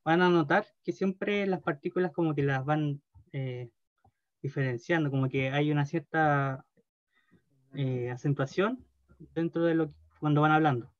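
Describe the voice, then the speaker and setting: A man teaching a language class, speaking slowly and deliberately and often checking in with his students. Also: a little high, fairly even intonation, no room sound, dull audio.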